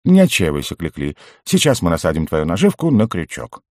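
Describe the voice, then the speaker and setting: A man voicing a steady, easygoing older male squad leader in an audiobook, unhurried and folksy. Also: low-pitched, dry recording, clean studio sound, full character voice.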